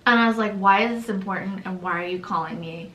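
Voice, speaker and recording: A young woman co-hosting a channel, telling a story in a casual, animated way, acting out quotes and laughing often. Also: medium pitch, fast talker. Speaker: channel co-host. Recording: echoey room.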